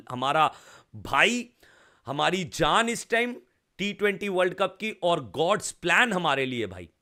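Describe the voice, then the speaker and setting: Man, young adult, from India, chatty cricket talk, a bit high-pitched. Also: a bit bright. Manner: chatty, keeps saying bhai and bro. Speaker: cricket commentator. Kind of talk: casual cricket discussion.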